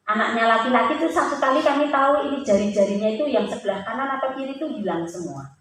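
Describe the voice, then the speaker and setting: A woman's voice: on the high side, quick pace, distant mic. Woman preaching in an echoey hall. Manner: earnest storytelling with questions put to the listeners. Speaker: church speaker giving a testimony. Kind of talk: sermon testimony to a congregation. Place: church hall. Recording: very echoey hall, voice off-mic, faint hiss.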